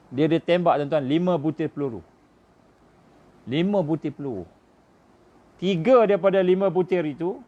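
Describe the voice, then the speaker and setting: A man with a Malaysian Malay accent preaching, telling a story with emotion that climbs into fervent, high-pitched appeals and sinks low for quoted words. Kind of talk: sermon storytelling. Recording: dull lo-fi live stream audio.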